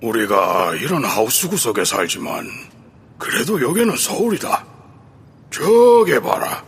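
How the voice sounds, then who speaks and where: A middle-aged country father with a lectures his children in a folksy way, as a man plays him in an audiobook. His voice is rough and hoarse throughout. His pitch rises and falls a lot as he talks. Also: sing-song, a little slow, heavily acted. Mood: lecturing.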